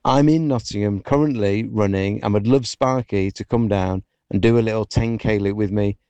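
A man's voice: fairly low pitch, moderate pace, warm tone, smooth, no echo. A man's recorded voice message played on air, a former rugby player steadily introducing himself. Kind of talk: recorded voice note.

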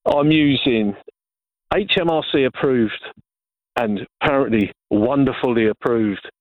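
A man's voice: medium pitch, measured pace, dry recording. A middle-aged Englishman calling a radio show, ranting with passion and frustration. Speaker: caller. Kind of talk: phone-in rant. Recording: phone line.

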